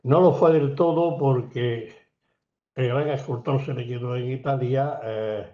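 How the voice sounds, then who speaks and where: A man's voice: medium pitch, unhurried. A man talking about poetry in an academic conversation, hesitating often with fillers and restarts, now and then singing or reciting an example. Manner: lecturing, sings and recites examples. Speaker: poet in a seminar conversation. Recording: roomy and slightly dull recording.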